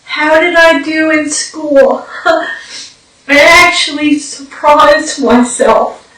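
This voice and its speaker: Slow, halting woman in her forties. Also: sits high, fairly even intonation, fairly bright tone, far from the mic. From Newfoundland, Canada. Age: 40s. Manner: slow, halting, with pauses and fillers. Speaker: brain injury survivor telling her story. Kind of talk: documentary interview. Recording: echoey room, voice from off-mic.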